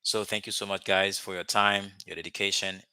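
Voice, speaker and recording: A Haitian man whose first language is Haitian Creole rambles chattily to his live-stream viewers, with lots of ums and restarts. His low voice sounds sharp and bright, and his delivery is flat, brisk and smooth. He speaks to camera on a webcam or phone mic, and the sound is close and dry with no room echo.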